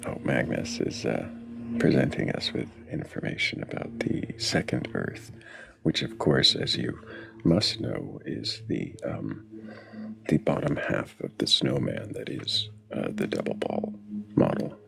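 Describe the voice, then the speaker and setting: A man's voice: rumbling low, sing-song, a little slow, gravelly, fairly bright tone. A man hosting a casual live chat show, joking in a mock-serious way. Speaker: host.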